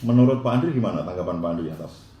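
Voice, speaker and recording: A man's voice: low voice, animated, racing, dull audio. A man asking questions as an interviewer. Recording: roomy echo, faint background noise.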